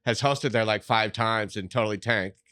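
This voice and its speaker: Bright, smooth-voiced man in casual chat. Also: fairly low pitch, moderate pace, dry recording. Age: 30s. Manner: easygoing, short agreeing replies. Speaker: podcast co-host.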